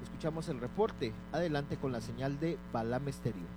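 A man's voice: mid-range voice, normal speed, over music, rough recording. A man presenting a radio newscast and handing over to reports. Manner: formal announcing. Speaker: news anchor.

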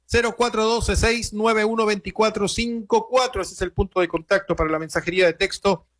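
A man's voice: high voice, steady tone, brisk, fairly bright tone. A man hosting an early-morning radio news show, commenting conversationally with wry asides. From Venezuela. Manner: conversational, reads quotes aloud, adds wry asides.

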